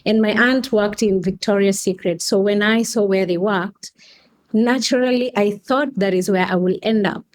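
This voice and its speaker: A young Kenyan woman who works as a coffee customer experience manager is a guest on a podcast, casually describing to the host how she got into coffee. Her medium-pitched speech is slow and unhurried, with frequent fillers and restarts.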